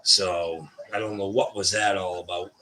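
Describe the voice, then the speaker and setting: A man's voice: deep voice, steady tone, moderate pace, sharp tone, slight background noise. A man chatting casually and colloquially on a livestream, rambling and restarting, pronouncing his R's as W's. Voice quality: cannot pronounce R, says w for r. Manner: rambling, colloquial, self-interrupting. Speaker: guest, ball python breeder.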